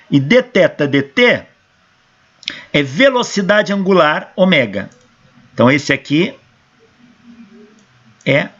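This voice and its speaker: A man's hoarse, high-pitched voice carries a Brazilian Portuguese accent and a fairly bright tone. He's an engineering professor going through equations one step at a time and answering his own questions, heard on a dull, lo-fi recording.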